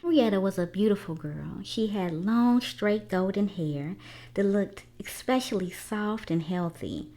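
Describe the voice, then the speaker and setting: A woman with a mid-range voice reads a children's book aloud, telling the story expressively and pausing deliberately between phrases.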